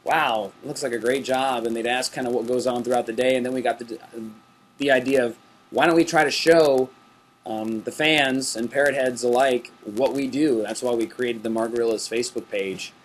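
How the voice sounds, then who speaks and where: A relaxed, chatty middle-aged man hosts a backstage webcast. His voice sits at an ordinary pitch for a man, and he laughs easily between the viewer questions he reads out. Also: moderate pace, slight background noise. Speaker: webcast host. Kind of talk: casual backstage chat reading viewer questions.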